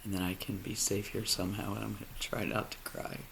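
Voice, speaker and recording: A man speaking a personal monologue, halting and emotional, often dropping to a near whisper. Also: fairly low pitch, little pitch movement, vocal fry, a bit bright, slight background noise. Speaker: vlogger.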